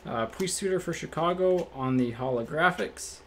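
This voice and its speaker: Fairly high-pitched and slightly raspy, a man hosts a card break at a moderate pace, calmly reading out every card and thinking aloud. His casual card-opening commentary is recorded by a fixed camera at an indoor table, with slight background noise.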